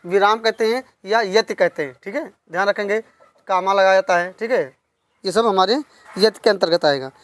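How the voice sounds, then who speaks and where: A woman teaching a lesson on poetics, slowly repeating key terms and asking questions that she then answers herself. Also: medium pitch. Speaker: Hindi literature teacher. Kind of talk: online exam-prep lesson.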